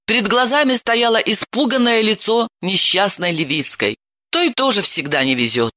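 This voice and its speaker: Casting: woman audiobook narrator, expressive reading, bright tone, dry close sound. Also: mid-range voice, normal speed, dry recording. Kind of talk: scripted narration.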